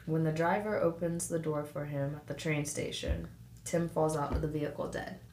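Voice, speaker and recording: A woman's voice: deep voice, flat delivery, moderate pace, darkish tone, roomy sound, a little hiss or hum. A young woman co-hosting a casual podcast, making offhand jokes while playing a guessing game. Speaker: podcast co-host. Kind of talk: casual chat over a party game.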